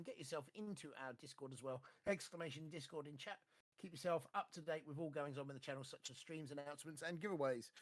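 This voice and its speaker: A man's voice: a little high, fairly bright tone. A man chats on a live stream in a slightly raised voice, stumbling over restarts and fillers as he speaks. His mic sounds close and dry, with no room echo. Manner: hesitant, many stammered restarts and "uh"s. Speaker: guest streamer. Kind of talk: casual live-stream chat.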